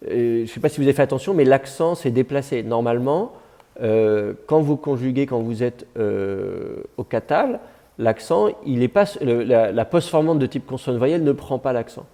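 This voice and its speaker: A man teaching a class, explaining step by step with patience and many pauses and fillers. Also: mid-range voice, dark tone. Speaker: Biblical Hebrew teacher.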